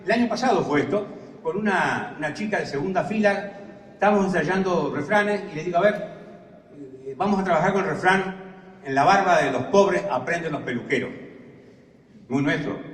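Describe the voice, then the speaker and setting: Older Argentine professor lecturing in a hall. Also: male voice, fairly high pitch, slight background noise. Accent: Argentine Spanish. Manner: storytelling, varied emphasis, dry humor. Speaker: professor giving a master class. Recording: echoey hall, distant mic.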